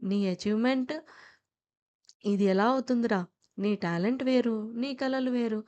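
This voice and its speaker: A wistful young male student in an audio story talks softly and thoughtfully, as a woman narrator puts him on. His lines come out gentle and reflective. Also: fairly high pitch, unhurried, lightly acted.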